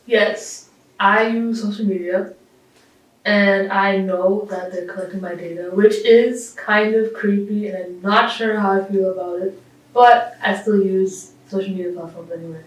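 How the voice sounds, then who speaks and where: A woman giving a slow, thoughtful answer to an interview question. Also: mid-range voice, fairly even intonation. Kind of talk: casual opinion answer. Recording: echoey room from far off.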